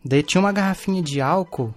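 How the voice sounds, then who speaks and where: A man's voice: sits high, quick pace, soft background music. A young man in casual chat, telling an anecdote with slangy fillers.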